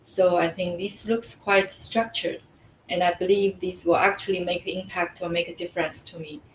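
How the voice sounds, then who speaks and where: A woman whose first language is Mandarin, speaking in a lowish voice with fairly even intonation, answers interview questions as a coach in a conversational exchange. She's thoughtful and often pauses on "uh" and "mm." The room is echoey, with faint ambient noise.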